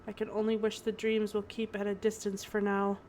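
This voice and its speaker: A woman's voice: medium pitch, monotone, brisk, darkish tone, slight background noise. Woman reading a visual novel aloud. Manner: giggly, chatty asides between narration. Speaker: streamer. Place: home.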